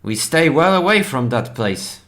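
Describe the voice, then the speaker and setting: An evasive village elder, guarded and weary, stumbling through halting denials in a tabletop game, as a man puts him on. His voice is of ordinary pitch for a man. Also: sing-song, a bit bright.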